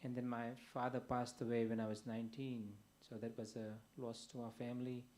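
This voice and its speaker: A young man from Fiji giving his personal testimony as a guest, soft-spoken and hesitant, with many pauses and restarts. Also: mid-range voice, little pitch movement, slight background noise.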